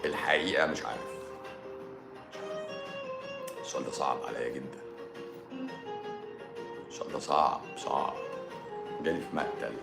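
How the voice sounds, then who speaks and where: A man's voice: rumbling low, normal speed, gravelly, pauses often. A man with an Egyptian Arabic accent hosting a live stream, answering viewer questions in a joking, sarcastic manner. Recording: roomy echo with music behind.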